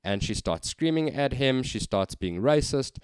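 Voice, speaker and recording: A man's voice: medium pitch, expressive, a little slow, noisy background. A man casually recounting an anecdote, with frequent ums. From South Africa. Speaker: vlogger. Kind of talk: casual storytelling.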